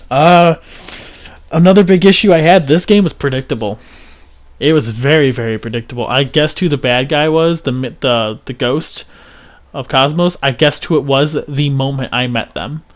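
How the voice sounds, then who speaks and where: A man reviewing a video game in a casual, rambling way, giving blunt opinions with frequent restarts and fillers. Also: medium pitch.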